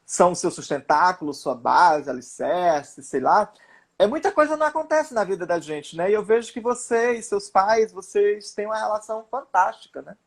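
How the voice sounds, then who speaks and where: A man with a Brazilian Portuguese accent hosting a casual interview, asking questions with hesitant fillers and laughing along. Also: high voice. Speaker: host.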